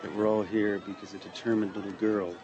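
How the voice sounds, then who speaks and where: An actor playing a knowing, measured man in a naturalistic film style, talking as if to a child. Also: lowish voice, little pitch movement, muffled recording, crowd noise, background noise, lightly acted. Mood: knowing, fond.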